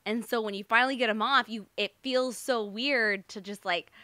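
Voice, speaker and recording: A bright, clear American woman chats as a podcast host in a close, dry recording. She is brash and jokey, swears freely, and has a slight retainer lisp that slurs her words. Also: fairly high pitch, normal speed, no room sound. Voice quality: slightly lisping, slurred speech from wearing dental retainers. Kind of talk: casual chatty solo podcast.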